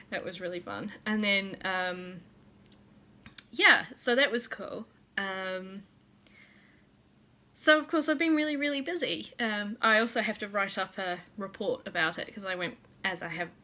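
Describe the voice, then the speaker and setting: A young woman vlogger with a New Zealand accent chats casually, sounding giggly and a little tipsy as she laughs a lot and swears freely. Her voice is mid-range and a bit bright.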